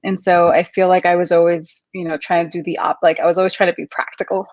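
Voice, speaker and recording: As a guest in a relaxed interview, a company founder and CEO from Kuwait talks quickly in a fairly low, somewhat mellow voice with flat delivery, sounding thoughtful and upbeat while filling gaps with ums and you-knows. The audio is dull, dry and lo-fi, without echo.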